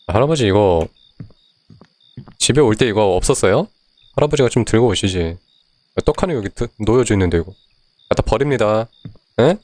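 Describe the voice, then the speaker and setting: Male game streamer, lowish voice, loose chatty commentary, reads on-screen text aloud, quick to curse and yell. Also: no room sound. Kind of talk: casual let's-play commentary.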